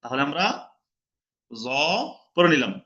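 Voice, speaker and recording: Slow, patient man teaching pronunciation. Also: mid-range voice, bright, forceful tone, lo-fi sound. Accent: Bangladeshi Bengali. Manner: slow, patient, repeats each sound several times. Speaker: Quran recitation teacher. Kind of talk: online pronunciation lesson.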